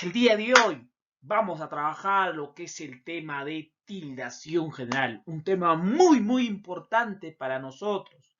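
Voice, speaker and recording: A man's voice: sits high, pushed and bright. A male Peruvian Spanish-speaking language teacher giving a recorded grammar lesson, talking straight to his students and asking their questions for them. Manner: addresses students directly and voices their questions himself. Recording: dull lo-fi recording.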